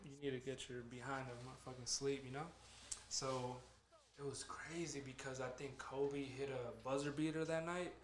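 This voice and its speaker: In an echoey room with slight hiss or hum, a man in his late twenties hosts a casual podcast, swearing freely before shifting into motivational talk. He speaks at normal speed with a flat delivery and medium pitch.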